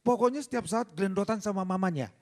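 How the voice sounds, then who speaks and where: A man's voice: sits high, fast talker, darkish tone, pitched above the performer's own voice, lightly acted. A man voicing a tearful young wife who begs for help and wants a divorce. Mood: pleading. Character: young wife pleading to divorce her husband.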